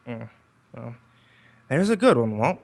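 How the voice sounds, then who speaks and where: Performing live on a stream, a man voices a laid-back, wry private detective, a flirtatious wisecracking former cop, in a 1940s-style radio drama. His exaggerated voice is gravelly and medium-pitched, a little slow, with big pitch swings and an inquisitive mood.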